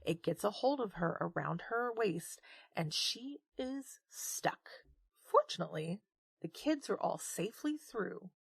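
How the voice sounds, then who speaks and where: A woman's voice: medium pitch, expressive, a little slow, creaky, breathy edge, no echo. A woman narrating a tabletop game as game master, describing events dramatically.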